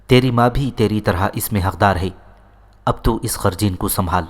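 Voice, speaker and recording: A man with a low voice reading the lines of an elderly mother who is commanding yet loving, in a firm, motherly way. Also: lightly acted.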